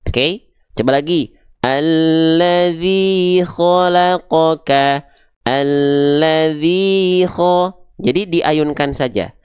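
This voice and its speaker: Chatty tajwid teacher, smooth voice. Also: male voice, mid-range voice, no echo, studio quality. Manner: patient, chatty, checks on viewers often; demonstrates letter sounds slowly and drawn out. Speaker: Quran recitation teacher. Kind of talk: live-streamed tajwid lesson.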